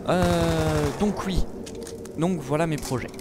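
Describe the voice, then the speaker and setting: Hesitant teen gamer over loud gunfire. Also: male voice, on the high side, slow pace, very noisy. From France. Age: late teens. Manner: hesitant, many fillers and self-corrections. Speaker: gaming channel host. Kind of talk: casual gaming vlog talk. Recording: loud gunfire from game audio. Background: zombie shooter game sounds.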